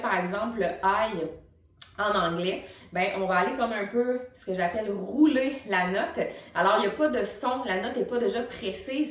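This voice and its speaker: A woman with a Quebec French accent giving an informal, encouraging tutorial as a vocal coach, speaking directly to the viewer. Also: medium pitch. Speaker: singing teacher and vocal coach. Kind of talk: tutorial explanation to camera. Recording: roomy echo, distant microphone.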